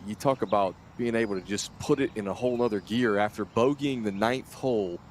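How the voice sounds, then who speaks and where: A man's voice: mid-range voice, a little hiss or hum. Man calling live golf as lead commentator.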